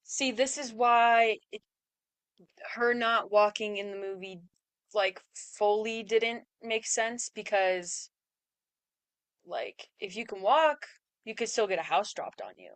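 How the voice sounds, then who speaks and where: Easygoing young woman co-host, mid pitch, quick agreeing replies, dry close mic. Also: dry recording. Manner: laid-back, short agreeing replies. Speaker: podcast co-host. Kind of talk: casual movie review chat.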